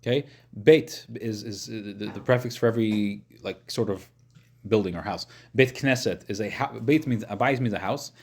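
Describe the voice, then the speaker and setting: A man's voice: lowish voice, moderate pace, gravelly, darkish tone. A man teaching an informal religious class as a rabbi, explaining in a questioning way and often repeating and rephrasing as he goes. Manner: questioning, checks in with listeners using short questions.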